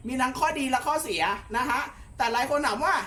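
A man showing jet skis for sale in a chatty, polite way, often pausing with fillers and correcting himself. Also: very high voice, bright, forceful tone. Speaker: jet ski shop salesman. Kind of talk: casual sales walkthrough.

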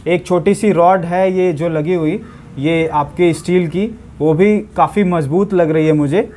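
This young man's voice is a little high and warm, with fairly even intonation and a slightly slow pace, plus a bit of background noise. He's outdoors in a yard washing a car, casually reviewing and showing off a pressure washer gun while chatting to viewers like friends, filmed from a few steps away.

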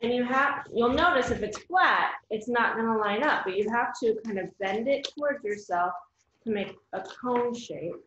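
In a small room at home, an American woman in her thirties hosts a children's craft video, explaining each step plainly across a table. She speaks at normal speed in a fairly high, slightly bright voice. The sound is roomy with the highs cut off and slight background noise.

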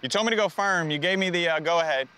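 A man's voice: a little high, fast talker, sharp tone, clear, resonant tone, rough recording. A man playing along on a golf course outdoors, reacting to shots with hyped, cheering banter. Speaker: playing partner.

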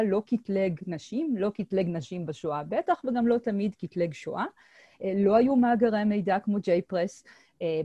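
A middle-aged woman lectures on her historical research at an online seminar. She talks hesitantly, often pausing on filler sounds and restarting phrases. Her voice is warm and mellow, and the sound is dry and close through a video call mic. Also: mid-range voice, dry recording. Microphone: computer mic on a video call.

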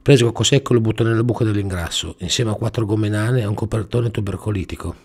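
A man hosting a show, reading a comic story aloud in a dry, even manner. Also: fairly low pitch, fast, breathy edge. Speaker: storyteller host.

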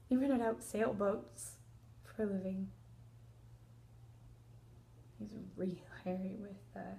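A woman in her twenties playing a defensive young woman recalling a lost love in a halting, emotional theatrical monologue. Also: medium pitch. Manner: halting, emotional, swinging between loud insistence and hushed wistfulness. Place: indoor room, plain wall.

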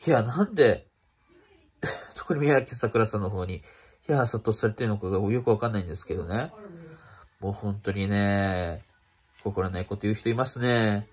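A young man with a stuffy, congested nose and nasal sound, talking casually and haltingly to camera as a vlogger. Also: lowish voice, slightly rough. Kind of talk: casual spoken commentary to camera. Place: small room at home, indoors.

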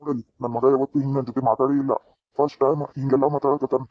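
A man's voice: medium pitch, flat delivery, very fast, no room sound, close to an everyday voice. A man voicing a bitter, scolding older mother-in-law with a North Karnataka accent in a cartoon. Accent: North Karnataka Kannada. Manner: scolding, taunting. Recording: dry, dull lo-fi sound.

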